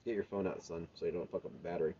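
A man's voice: low-pitched, fairly even intonation, racing, a crowd in the background. A man rambling through a casual story, swearing and asking "right?" every few words. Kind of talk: casual banter. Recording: dull lo-fi sound.

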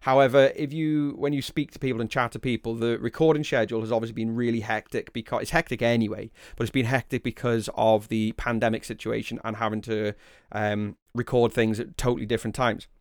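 Clear-voiced male podcast host, dry close sound. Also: mid-range voice, flat delivery, fairly quick, no echo. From the Wirral, north-west England. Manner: chatty, informal. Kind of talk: conversational quiz recap and interview.

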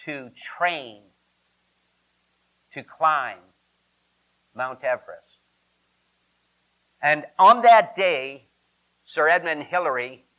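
A man's voice: mid-range voice, bright, forceful tone, low-quality recording. A man preaching a sermon emphatically, asking rhetorical questions and drawing out repetitions. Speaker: pastor.

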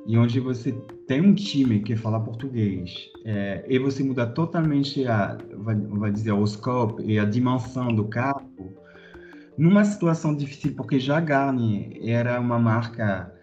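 A Frenchman in his thirties, a corporate director, tells his career story as a podcast guest, hesitating with lots of fillers and restarts. His French-accented voice is mid-range and darkish, and his pace is unhurried. The recording is muffled, with soft music in the background.

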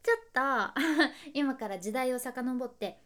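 A woman's voice: high voice, measured pace. A woman with a hosting a casual solo podcast. She talks in a chatty, playful way, laughs often and speaks straight to the listener. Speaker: podcast host, freelance announcer.

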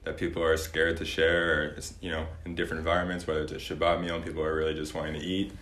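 A man's voice: a bass voice, completely flat delivery, racing, a bit bright. A man hosting a podcast, interviewing his guest in a casual, conversational style. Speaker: podcast host. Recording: echoey room.

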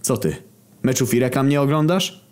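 A man's voice: medium pitch, normal speed, a little mellow, clear, resonant tone, voice pushed up, natural voice. A man voicing a red-faced, furious male hotel manager who scolds and swears. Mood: exasperated.

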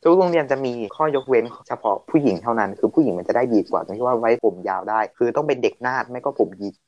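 A man co-hosting a casual chat podcast, explaining points calmly. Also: medium pitch, fast talker, no echo. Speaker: podcast co-host. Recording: slightly dull lo-fi sound.

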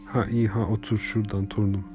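Man reading a wily elderly station chief with a Laz dialect; low, level delivery, rambling and folksy, storybook over music. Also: flat delivery, fast talker, lightly acted. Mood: offhand. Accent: Laz dialect of Turkish.

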